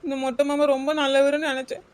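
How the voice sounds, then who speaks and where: A high, bright and flat-toned cartoon voice of a weepy young village woman, played by a woman. She has a Kanyakumari Tamil accent and rushes through her sulky, tearful complaints. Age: young adult.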